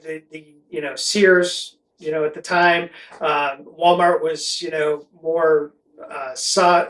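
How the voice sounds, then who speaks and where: Speaking casually to camera, a middle-aged Connecticut man explains things in a wandering, conversational style for his vlog. His voice is high with a fairly bright tone, and the recording has roomy echo from a distant microphone.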